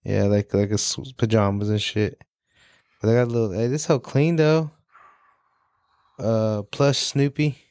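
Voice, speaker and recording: Man, podcast co-host, smooth resonant voice, dry close mic, slangy joking delivery. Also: fairly low pitch, fairly even intonation, measured pace, pauses often, a little mellow, no room sound. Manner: loose, joking, slangy banter. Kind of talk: casual chat about sneakers.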